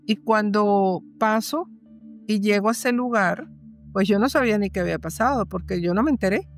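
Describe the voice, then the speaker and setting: An earnest woman recounts a personal experience in an interview, at a middling pitch. She repeats phrases to press her point home. Faint music sits under her voice. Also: normal speed. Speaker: guest. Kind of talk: telling a personal story in a conversational interview.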